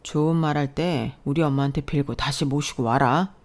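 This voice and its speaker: A woman's voice: low voice, normal speed. A woman voicing an angry young husband who talks down and bullies in a storybook drama. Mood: scornful. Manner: shouting, insulting, bossy. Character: angry young adult husband, blustering, scornful.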